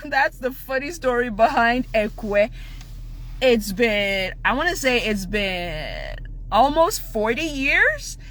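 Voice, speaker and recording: Animated middle-aged Nigerian woman storyteller. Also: sits high. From Ondo, Nigeria. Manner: animated, laughing, mixes Yoruba and English. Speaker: live-stream host. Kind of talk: live storytelling chat.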